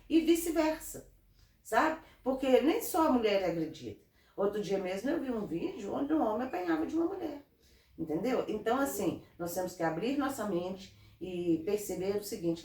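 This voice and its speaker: A woman from Brazil, a guest in an interview, giving earnest, animated advice in casual talk. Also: medium pitch. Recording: roomy, from a distance off mic.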